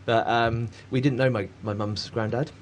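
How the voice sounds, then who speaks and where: A man's voice: medium pitch, fairly even intonation, moderate pace, slight background noise. A man talking in a casual conversation, rambling and hesitant with many fillers and frequent laughs. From Cornwall, England. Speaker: artist guest.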